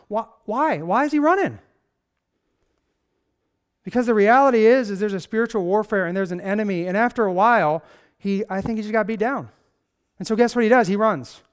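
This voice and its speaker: Man, pastor, casual sermon, conversational, sarcastic, high-pitched, smooth resonant voice. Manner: conversational, sarcastic, animated storytelling with acted quotes.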